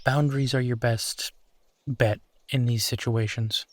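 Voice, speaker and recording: An audio roleplay performer plays a supportive, affectionate husband in an intimate comfort scene. His steady mid-range voice sounds natural, gentle and reassuring, conversational with unhurried pauses.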